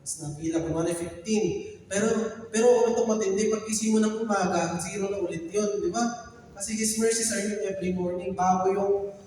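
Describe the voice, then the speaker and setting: A man preaching a lively sermon, mixing Tagalog with English and calling on the congregation to respond. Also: high voice, a little fast, a little hiss or hum. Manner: animated, switching between Tagalog and English, urging the congregation to respond. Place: church hall. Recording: echoey hall, picked up from a distance.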